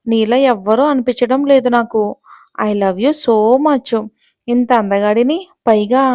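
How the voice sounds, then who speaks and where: A man's voice: extremely high pitch, a little mellow, no room sound, clean studio sound. A woman doing a menacing possessive ex-husband. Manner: menacing, bullying. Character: domineering possessive rich ex-husband, young man. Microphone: close mic, dry sound.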